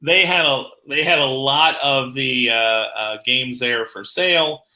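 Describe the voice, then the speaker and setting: A middle-aged man talking casually on a podcast, voice very bright and forward. He rambles and leans on fillers, and the sound carries a noticeable room echo. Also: medium pitch, a little slow. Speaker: podcast guest.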